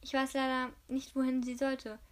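A woman's voice: high-pitched, completely flat delivery, normal speed, close to an everyday voice. A woman voicing a loyal, dutiful housekeeper who speaks politely and deferentially. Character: devoted older female housekeeper, dutiful.

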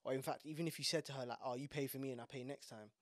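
A man's voice: mid-range voice, steady tone, rapid-fire, no echo, studio quality. A young man with a London urban street accent, chatting casually and emphatically in slang on a podcast. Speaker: podcast host.

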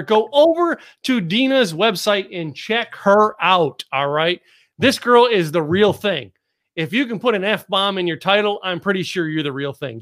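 A man's voice: high-pitched, a bit bright. A man hosting a podcast interview, chatting casually and rambling through stories with restarts and chuckles. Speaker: podcast host. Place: Dallas area.

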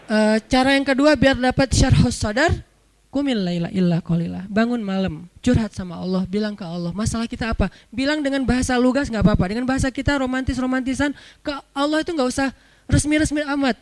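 A man preaching with a light tinge, his voice pitched high for a man. He talks in a loose, joking way, like a friendly chat, and slows down to chant Arabic verses. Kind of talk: casual humorous sermon.

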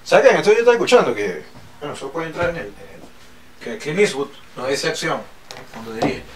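A young man hosting a casual podcast, joking and teasing with quick asides. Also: a little high, sing-song, background noise. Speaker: podcast host. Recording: roomy echo, a little off-mic.

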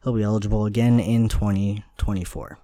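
A man's voice: lowish voice, steady tone, a little fast, warm tone, no echo, clean studio sound. A man co-hosting a podcast, casually chatting and reading out facts in an easygoing, matter-of-fact way. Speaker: podcast co-host. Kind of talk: casual chat, reading research notes.

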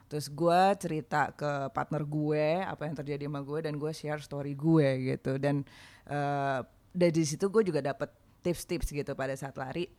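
A woman's voice: low voice, fairly even intonation, normal speed, mellow. A woman performer chatting casually, telling candid stories with slang and fillers. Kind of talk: casual podcast chat.

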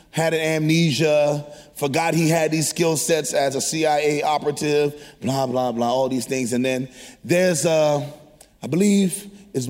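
In a large hall full of long reverb, a man delivers an energetic sermon to a live congregation. His voice sits on the high side and is a little mellow, and he exhorts conversationally, frequently prompting his listeners with questions.

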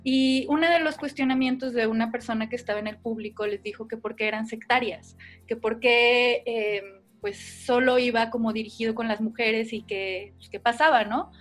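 A woman's voice: a little high, fairly even intonation, moderate pace, soft background music. A woman hosting a podcast, telling an anecdote in a conversational interview. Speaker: podcast host.

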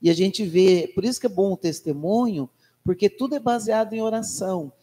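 A pastor speaks in a mellow, husky voice, reflecting on faith in a conversational way. He often closes his points with tag questions. Long reverb of a large hall hangs behind him. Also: high voice, fairly quick. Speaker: pastor interviewing a church member. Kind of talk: conversational preaching.

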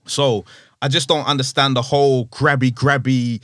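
A young man with a London accent giving measured advice in casual podcast chat, often ending on tag questions. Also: medium pitch, level tone, a bit bright, dry recording, studio quality. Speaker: podcast panellist.

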